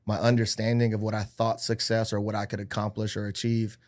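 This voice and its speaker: A man in his thirties, born in Hawaii and raised in California and Arizona, appears as a podcast guest and works as a real estate agent. His voice is on the low side and brisk, with little pitch movement. In casual chat, he tells his life story in an upbeat, joking, self-deprecating way.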